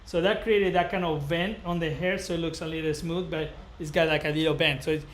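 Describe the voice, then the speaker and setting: On a casual live stream, a northern Spanish barber educator with a Spanish accent and fairly high voice chats with viewers, halting and rambling and repeating phrases as he circles back. He keeps a steady tone over clear background noise.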